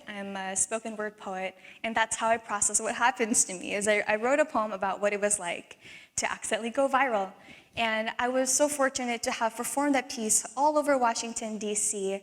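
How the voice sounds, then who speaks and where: A young woman in her twenties, originally from the Philippines, speaks to an audience as a spoken word poet. Her voice sits a little high, and her delivery is earnest and rhythmic, leaning on emphasis. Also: a bit bright. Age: 20s. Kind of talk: talk with spoken word performance.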